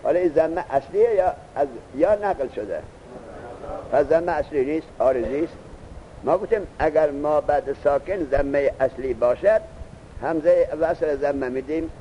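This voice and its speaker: A man teaching a classroom grammar lesson, explaining slowly and quizzing his students with questions. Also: a little high, dull audio, a little hiss or hum.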